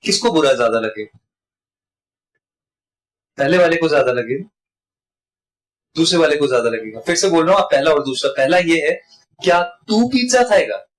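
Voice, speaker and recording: A man's voice: on the high side, lively intonation, moderate pace, long pauses, poor audio. A middle-aged man giving a workshop talk to a live group as a business trainer, repeating lines and shifting the stress on different words.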